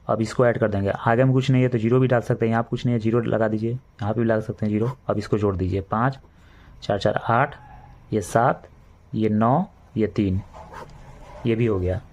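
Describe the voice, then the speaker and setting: A man's voice: on the low side, steady tone, darkish tone. Hindi-accented male maths teacher explaining step by step. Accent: Bihari Hindi. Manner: slow, repetitive step-by-step explaining, addresses children. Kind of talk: classroom maths lesson.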